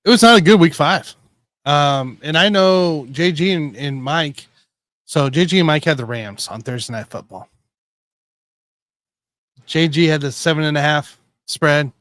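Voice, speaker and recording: A man hosting a casual sports betting show, rambling and correcting himself as he tells excitable stories. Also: on the high side, measured pace, pauses often, no room sound, clean studio sound. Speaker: podcast host.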